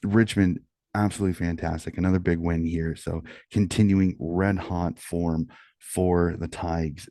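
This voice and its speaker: Middle-aged man, deep mellow voice, quiet night-time delivery, sports podcast host, close dry mic. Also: no room sound. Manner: hushed, quieter than normal late-night-radio delivery so as not to wake someone. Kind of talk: sports round-up talk. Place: small room at home. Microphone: close studio mic with pop filter.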